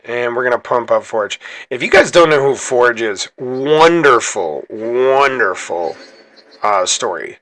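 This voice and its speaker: A man's voice: medium pitch, expressive, moderate pace, hardly any pauses, fairly bright tone, dry recording. A man hosting his gaming channel, chatting casually through gameplay, rambling and correcting himself as he goes. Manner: chatty, rambling, self-correcting, laughs easily.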